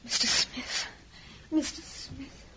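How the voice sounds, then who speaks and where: An actress playing a frightened woman pleading desperately in a slow, whispery voice. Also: lo-fi sound, background noise, natural voice. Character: frightened woman pleading over unconscious man.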